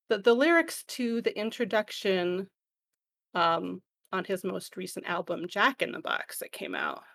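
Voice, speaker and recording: A woman's voice: medium pitch, fairly bright tone. A woman hosting a casual podcast chat, an enthusiastic, giggly fan who sounds slightly out of breath after being ill. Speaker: podcast host.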